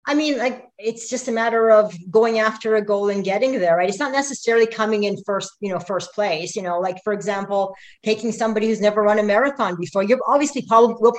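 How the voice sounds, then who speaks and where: A woman in her fifties, a pro cyclist interviewed as a guest, talking casually and emphatically and often tagging "right?" onto her sentences. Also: on the high side. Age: 50s. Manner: energetic, emphatic, keeps adding "right?".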